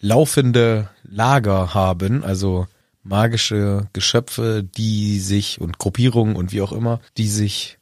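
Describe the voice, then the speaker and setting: A man co-hosting a casual chat podcast, with dry, deadpan humour. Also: fairly low pitch, unhurried, no echo. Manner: dry joking, deadpan one-word replies. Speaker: podcast co-host.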